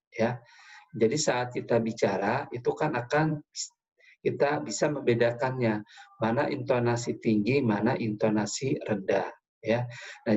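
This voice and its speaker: Man, teacher, patient lesson for children, frequent filler words, middle pitch, dull lo-fi sound. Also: a little mellow. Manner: patient, repeats "ya" and "nah" often.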